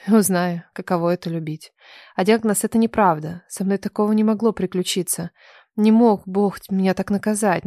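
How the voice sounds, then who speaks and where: A woman reading a first-person story as an audiobook, mostly in a subdued, soft voice. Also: medium pitch, no room sound, clean studio sound. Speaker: audiobook narrator.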